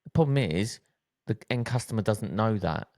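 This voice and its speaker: A man co-hosting a podcast in casual chat, with a very deep voice. He speaks earnestly and drives his points home by repeating them. The sound is close and dry, with no room echo. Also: expressive, moderate pace, darkish tone. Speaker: podcast co-host.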